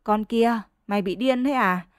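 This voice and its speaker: A woman voicing a lazy, blustering peasant husband who whines and shouts at his wife in a storybook reading. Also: on the high side, normal speed, clear, resonant tone, no room sound, clean studio sound, lightly acted.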